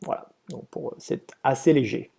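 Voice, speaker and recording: A man's voice: medium pitch, normal speed, creaky, dark tone, breathy edge. A man giving a casual, explanatory slide presentation to volunteers, hesitant, with many fillers and restarts.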